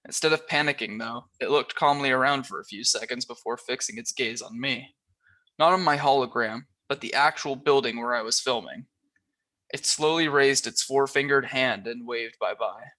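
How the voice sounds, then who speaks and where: This man, reading aloud as a volunteer, gives a lively telling of a children's novel and adjusts his voice a little for the characters. His voice sits in the mid range, and his pace is moderate.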